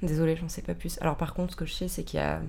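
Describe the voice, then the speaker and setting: Low-voiced woman playing a tabletop game. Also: rapid-fire, creaky. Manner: animated, slangy. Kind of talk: casual, improvised game talk. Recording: music behind the voice.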